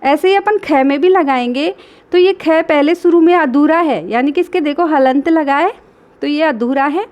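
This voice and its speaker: A woman teacher giving a reading lesson to children, slowly and patiently sounding out syllables and talking directly to the kids. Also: high voice, darkish tone.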